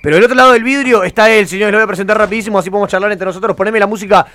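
A man with a Rioplatense accent hosting a radio show from the studio, loud and excitable, swearing casually. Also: sits high, racing. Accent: Rioplatense Spanish. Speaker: radio host.

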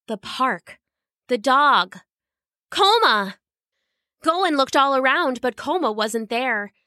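A woman narrating a children's storybook in an expressive, lively reading. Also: on the high side, dry recording, clean studio sound.

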